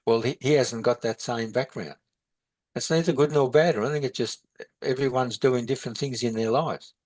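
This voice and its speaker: A man's voice: medium pitch, moderate pace, darkish tone, dry recording. A man, teaching in a podcast chat, rambling with many halts and restarts. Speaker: meditation and philosophy teacher.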